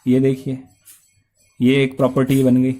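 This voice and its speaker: A man's voice: mid-range voice, completely flat delivery, unhurried, warm tone. A male math teacher lecturing a class, explaining step by step and asking and answering his own questions.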